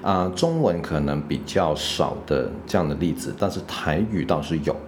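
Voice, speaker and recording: A man's voice: extremely low pitch, normal speed, noisy background. A man with a Taiwanese Mandarin accent teaching English pronunciation in a casual spoken lesson, explaining patiently and dropping English fillers like OK and right. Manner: explains patiently, with frequent check-ins.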